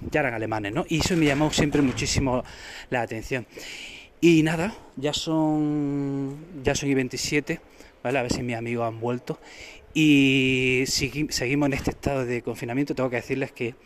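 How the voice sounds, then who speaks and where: Rambling man hosting a book talk. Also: medium pitch. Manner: rambling, many restarts and fillers, rhetorical questions. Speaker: podcast host reviewing a novel. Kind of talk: unscripted casual book talk. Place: home during lockdown.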